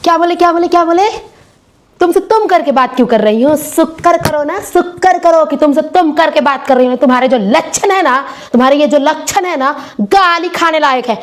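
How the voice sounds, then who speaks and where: A woman playing a brash, loud-mouthed young wife who scolds and defies her husband in a comedy sketch. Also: extremely high pitch, little pitch movement, racing, hardly any pauses, voice pushed up. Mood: defiant scolding.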